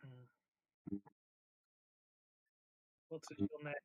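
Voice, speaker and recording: A man's voice: medium pitch, very slow, dry recording, highs cut off. A man taking part in a tabletop game as a player, talking casually. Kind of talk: casual chat.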